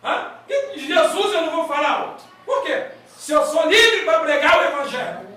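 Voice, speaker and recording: High-voiced Brazilian pastor preaching loud. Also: male voice, animated, moderate pace. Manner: loud, fervent preaching with folksy stories. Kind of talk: loud evangelical sermon. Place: church hall. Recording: echoey church hall, mic far off.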